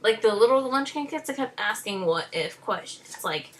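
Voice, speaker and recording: A woman's voice: on the high side, expressive, moderate pace, noisy background. A teenage girl chatting casually with a friend, rambling with lots of "like"s and giggling often. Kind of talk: casual chat.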